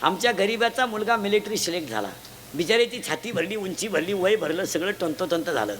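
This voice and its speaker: A man giving a comic kirtan sermon, teasing and shouting questions to children in the audience. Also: high voice, lively intonation, a little fast. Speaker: kirtan preacher. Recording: noisy live event ambience.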